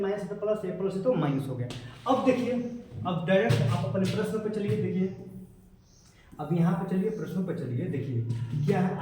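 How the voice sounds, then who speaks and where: A man's voice: sits high, mellow, slight background noise. A tired male maths teacher, lecturing in a repetitive, coaxing way and often checking in with his students. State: tired, low on energy. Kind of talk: classroom lecture. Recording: roomy echo, voice far from mic.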